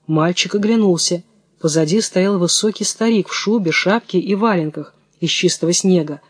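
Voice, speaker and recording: A man with a fairly high voice reads a fairy tale aloud in a calm, even way. The sound is close and dry, with no room around it. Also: normal speed, breathy edge, no room sound. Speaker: narrator. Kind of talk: storybook narration.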